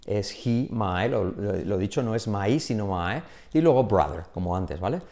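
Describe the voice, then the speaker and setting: A man whose first language is Spanish, teaching an online English lesson. He drills short phrases with energetic, exaggerated pronunciation. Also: on the low side, normal speed.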